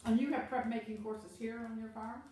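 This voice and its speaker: A woman's voice: on the high side, steady tone, fairly quick, mellow. A woman interviewing, asking brief encouraging questions. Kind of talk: casual interview. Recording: echoey room, mic far off, faint noise.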